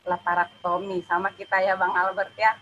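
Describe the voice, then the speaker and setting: Bright-voiced woman giving an emotional testimony. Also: medium pitch, level tone, muffled recording, a little hiss or hum. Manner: emotional, halting, often adds "ya". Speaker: church testimony speaker. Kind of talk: personal testimony.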